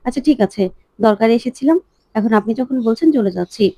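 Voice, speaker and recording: A cheerful young man full of flattery, read by a woman narrator in her usual voice. The voice is mellow and fairly high, and the sound is dry. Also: fast talker, dry recording. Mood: friendly.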